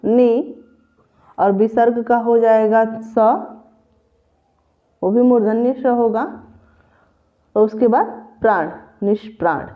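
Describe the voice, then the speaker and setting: A woman's voice: on the high side, fairly even intonation, slow, long pauses. A woman teaching a grammar lesson for exam preparation, patiently repeating each example step by step. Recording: tinny phone-like audio.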